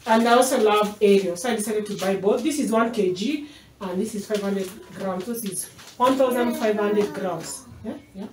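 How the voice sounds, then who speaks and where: A woman's voice: fairly high pitch, far from the mic. A Kenyan woman in her thirties chatting casually as she unpacks groceries in a small home kitchen, moving around away from the camera. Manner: chatty, unpacking items while talking, drifting from the camera. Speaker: mom vlogger. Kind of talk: casual grocery haul vlog. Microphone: camera mic from across the room. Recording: echoey kitchen, off-mic, noisy.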